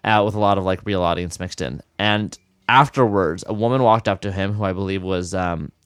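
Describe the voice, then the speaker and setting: Man with a low voice, animated storytelling. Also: fairly quick, clean tone, no echo, studio quality. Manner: animated storytelling, frequent restarts. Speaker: podcast co-host. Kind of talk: casual chat.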